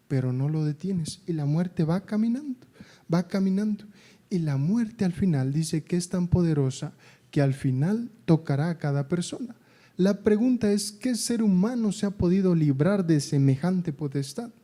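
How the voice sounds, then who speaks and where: A man delivers a sermon in a high voice with a dark, mellow tone. He presses his points by repeating phrases and slows right down to read scripture aloud. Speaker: preacher. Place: house of prayer.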